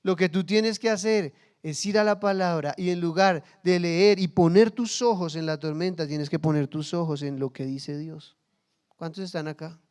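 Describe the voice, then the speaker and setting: A pastor delivers a sermon in a high, clear and resonant voice. He is playful, slipping into quick impressions of everyday people to make his point. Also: darkish tone. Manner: humorous, acts out everyday scenes in quoted voices.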